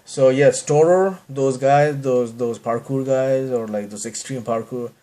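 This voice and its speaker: In a mellow, unhurried mid-range voice, a man from Bangladesh hosts a podcast with a Bangladeshi accent. His monologue wanders and turns self-deprecating, trailing off and restarting again and again.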